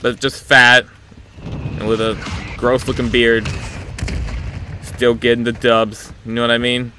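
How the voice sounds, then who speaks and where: A young man streaming a shooter game in a small room at home, joking with chat and breaking into sudden shouts, talking into a headset mic. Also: medium pitch, level tone, measured pace, noisy background. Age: young adult. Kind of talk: casual live-stream chat while gaming. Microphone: headset, seen on webcam.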